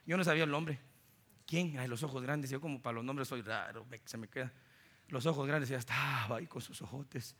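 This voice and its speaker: This middle-aged pastor from Guatemala preaches briskly in a Guatemalan Spanish accent. His storytelling shifts from booming sermon passages to quiet, low-voiced asides.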